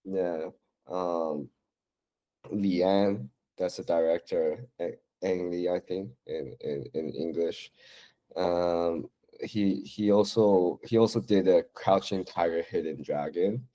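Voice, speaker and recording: Young man, deep low voice, soft-spoken, hesitant, lots of fillers, casual podcast guest. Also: slow pace. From Taiwan. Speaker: podcast guest, designer and 3D artist. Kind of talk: casual interview chat.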